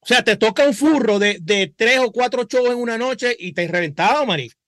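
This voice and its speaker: A man with a Zulian Venezuelan accent co-hosting a casual chat, with a bright, small voice and a teasing, slangy manner. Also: very high voice, fairly quick, a crowd in the background. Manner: teasing, slangy, calls others papi.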